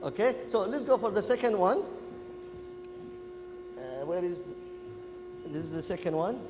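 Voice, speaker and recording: A man from Kuwait with a Gulf Arabic accent, a native Arabic speaker, giving an animated, informal interactive lecture to students and often checking in with them. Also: high voice, measured pace, noisy background. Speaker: public speaking workshop lecturer. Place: echoey event hall. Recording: echoey hall, music in the background.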